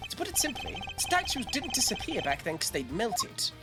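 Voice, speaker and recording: Stern game prosecutor, formal and even-toned, read by a woman. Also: over loud music. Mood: cool. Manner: measured, formal, lowered voice. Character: stern male prosecutor, calm and cutting.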